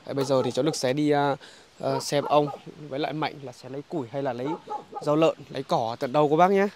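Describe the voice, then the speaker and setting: A young man, narrating a casual outdoor vlog in a halting, conversational way and speaking directly to viewers. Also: mid-range voice, fairly even intonation, darkish tone, slight background noise. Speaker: vlogger. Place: outdoors in a highland village.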